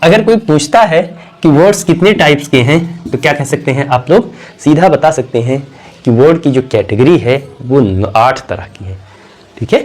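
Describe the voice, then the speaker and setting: A man's voice: on the high side, lively intonation, moderate pace, a little mellow. Man teaching, quizzing himself aloud. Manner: asks questions and answers them himself, repeats key words; clears his throat now and then. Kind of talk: classroom grammar lesson.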